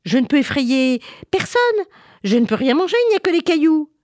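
A woman's voice: high voice, lively intonation, a little fast, a little mellow, no echo, studio quality, voice pushed up. A woman voicing a greedy, furious monster complaining in a children's tale. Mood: grumbling.

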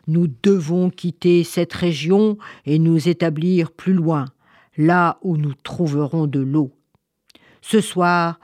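A grave, unhurried old elephant leader from a storybook, as a woman reads him. The tone is measured and lowish, with a close, dry sound. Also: darkish tone, dry recording.

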